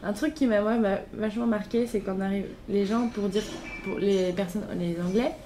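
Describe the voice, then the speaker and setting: A young woman, a podcast guest, talking casually in a hostel and often pausing to search for words. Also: mid-range voice, steady tone, mellow, slight background noise. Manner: hesitant, pauses to search for words. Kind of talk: casual conversation.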